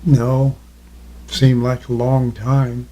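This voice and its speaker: An elderly man, a war veteran, remembering his service in an interview, halting as he recalls and answering in short, plain phrases. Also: mid-range voice, level tone, dark tone, rough recording. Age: elderly, 80s or older. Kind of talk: reminiscing in an oral history interview.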